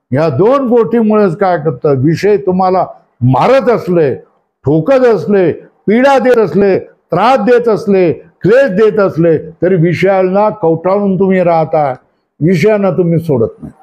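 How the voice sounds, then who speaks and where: Man, spiritual teacher quizzing his listeners, high voice. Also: warm tone. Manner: asks the listeners questions again and again. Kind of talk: religious discourse.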